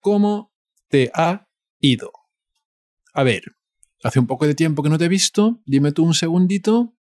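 A man with a Castilian Spanish accent teaching a language lesson, repeating each phrase slowly and explaining grammar in asides. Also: fairly high pitch, expressive, darkish tone, no room sound, studio quality. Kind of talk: slow bilingual phrase lesson.

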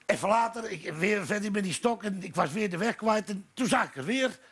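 Male stand-up storyteller at a village talk show; high, husky voice, meandering anecdotal delivery. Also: lively intonation, brisk, fairly bright tone. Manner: rambling anecdotal delivery with many fillers and restarts. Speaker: guest storyteller. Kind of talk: telling jokes on stage. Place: village café talk show before a live audience.

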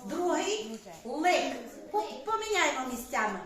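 A woman's voice: high-pitched, very animated, measured pace, a crowd in the background. A woman teaching a primary school class, patiently repeating pupils' answers and asking guiding questions. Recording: echoey classroom.

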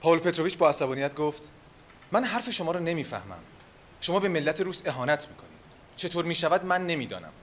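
An actor playing a man who reads a novel aloud in a measured, expressive way to a gathering. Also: fairly high pitch, a little hiss or hum. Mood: reading. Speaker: reader at a literary gathering.

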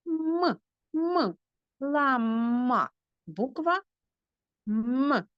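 A woman's voice: sits high, expressive, drawn-out words, no room sound, lo-fi sound. A woman teaching a phonics lesson to small children over a video call, stretching out words and asking the class questions.

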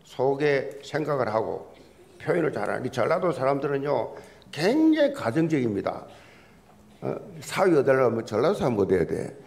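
A man's voice: mid-range voice, sing-song, moderate pace, gravelly, darkish tone. A man preaching a Sunday sermon in a church, a pastor with a folksy, joking storytelling manner. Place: church sanctuary.

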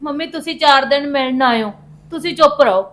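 A woman's voice: sits high, fairly quick, close to an everyday voice. A woman playing a pleading young wife. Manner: pleading, hushing. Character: young wife caught between her mother and in-laws. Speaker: daughter-in-law, the visiting mother's daughter.

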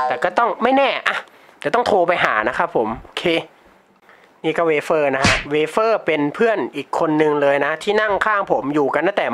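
A teenage boy, a YouTuber doing prank calls, chats casually in a vlog, laughing often and dropping slang. His voice sits on the high side with a slightly bright edge, picked up by a desktop computer mic.

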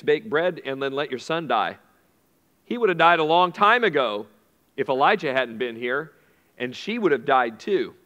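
Long hall reverb surrounds a pastor preaching in a church sanctuary, his fairly high voice smooth and a bit bright. He keeps it conversational, repeating important phrases and questioning the congregation.

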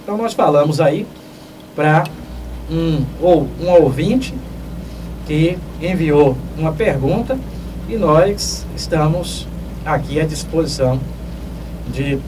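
Older man, radio host, lecturing, fairly high voice, noisy studio. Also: animated. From Northeast Brazil. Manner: measured, lecturing, with emphatic rises. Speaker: radio host answering listener questions. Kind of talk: advice talk on radio. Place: small dark radio studio. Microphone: studio mic on boom, heard from a distance. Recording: distant mic with clear background noise.

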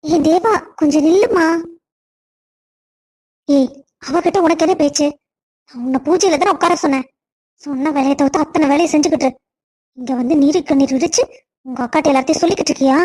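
A woman's voice: sits high, a little fast, pauses often, a little mellow, lightly acted. A woman voicing a scheming, stern middle-aged stepmother in a cartoon story, who scolds and gives orders. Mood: scolding. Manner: bossy, scolding.

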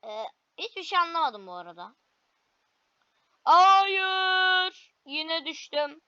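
A woman commentating her own gameplay, excitable, with frequent frustrated cries and cheers. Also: high voice, normal speed, no echo, lo-fi sound. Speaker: gaming video creator.

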